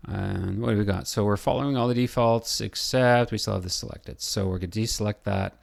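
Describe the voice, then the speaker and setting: Pausing often and peppering his speech with fillers, a man thinks aloud through a software design tutorial. A building designer, he speaks in a lower voice with a steady tone, though it's hoarse, scratchy, and clearly wearing out.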